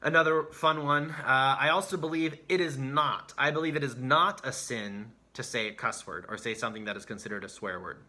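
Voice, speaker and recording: Bright-voiced man preaching to teens. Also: medium pitch, brisk, hardly any pauses. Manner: earnest, emphatic, repeats key phrases for stress. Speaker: youth pastor. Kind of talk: sermon for teenagers.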